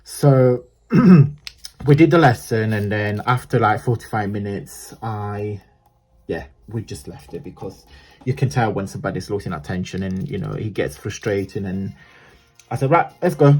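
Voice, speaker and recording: With a lowish, slightly rough and a little mellow voice at normal speed, an Italian-accented man presents a crafting tutorial on his vlog. He chats casually, rambles, corrects himself along the way, and often laughs.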